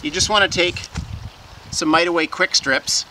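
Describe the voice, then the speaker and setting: A man's voice: a little high, steady tone, normal speed, bright, forceful tone, a little hiss or hum, rough recording. A man in his forties who runs a beekeeping vlog, explaining step by step while he works outdoors beside his hives. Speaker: beekeeping vlogger. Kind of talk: casual how-to vlog. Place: outdoors in a garden beside beehives.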